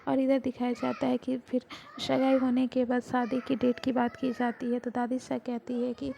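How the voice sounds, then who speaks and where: A woman casually retelling the events of a TV serial episode in a flat way, with a few filler sounds. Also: high voice, moderate pace, vocal fry, slight background noise. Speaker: TV serial recap host. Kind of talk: casual spoken episode recap.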